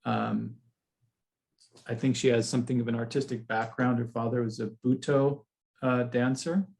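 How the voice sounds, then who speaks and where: A man's voice: mid-range voice, steady tone, moderate pace, creaky, darkish tone. A man hosting a podcast, talking in a loose, rambling way with many asides during a casual conversation. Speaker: podcast host.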